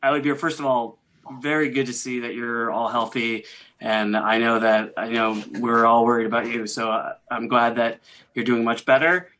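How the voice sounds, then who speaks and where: A man's voice: mid-range voice, flat delivery, moderate pace, fairly bright tone, slight background noise, rough recording. A man doing a rambling, self-deprecating stand-up set over a video call. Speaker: stand-up comedian.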